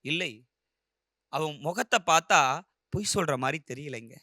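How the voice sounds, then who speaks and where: A man doing a soft-spoken gentle wife. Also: fairly high pitch, expressive, normal speed, no echo, clean studio sound, heavily acted. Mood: pleading. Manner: soft, pleading. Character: gentle, tender-hearted young wife.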